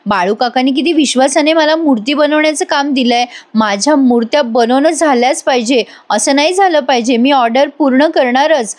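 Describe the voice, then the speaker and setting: A woman's voice: sits high, moderate pace, few pauses, natural voice. A woman voicing a determined young wife who speaks in an earnest, insistent way.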